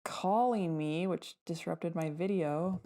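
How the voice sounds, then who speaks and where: A woman's voice: lowish voice, slow, warm tone. A woman co-hosting a podcast over a video call, chatting casually and teasing her friend. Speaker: podcast co-host. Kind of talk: casual chat.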